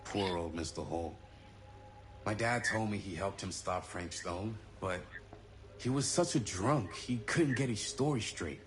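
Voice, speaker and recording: A man's voice: sits low, measured pace, faint music behind. An actor playing a dry, skeptical young man investigating in a video game, in a naturalistic style. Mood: wry.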